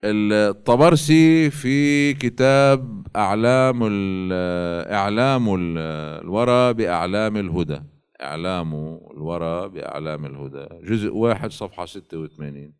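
Man giving a slow, deliberate religious lecture. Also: lowish voice, clear, resonant tone. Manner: alternates slow quoted readings with colloquial asides. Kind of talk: religious lecture reading from texts.

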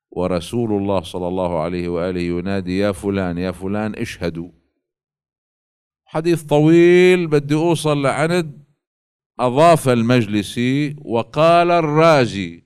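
A man giving a religious lecture, reading classical quotations slowly and explaining them in colloquial asides. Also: lowish voice, smooth. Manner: alternates slow quoted readings with colloquial asides.

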